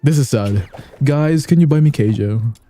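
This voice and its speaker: A male game streamer chats casually and jokes with his viewers. His voice has a dark, mellow tone, and he rambles and brags playfully. Faint music plays in the background. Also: mid-range voice, moderate pace. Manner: joking, rambling, self-boasting. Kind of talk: casual gameplay commentary.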